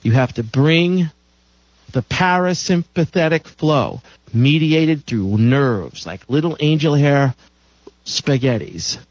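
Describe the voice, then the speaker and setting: Male radio host, emphatic monologue, slightly raised pitch, dry muffled broadcast audio. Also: animated, takes it slowly, dry recording. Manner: emphatic, lecturing, repeats phrases for stress.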